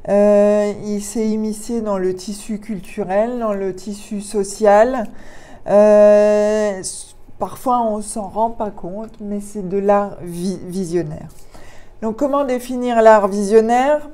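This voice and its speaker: A woman's voice: mid-range voice, fairly even intonation, slow, warm tone. A woman giving a museum lecture on art history, hesitant, with many fillers and restarts.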